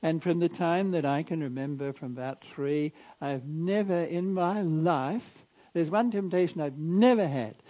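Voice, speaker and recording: Measured older priest with a mellow voice. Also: male voice, a little high, poor audio. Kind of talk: Gospel reading and homily.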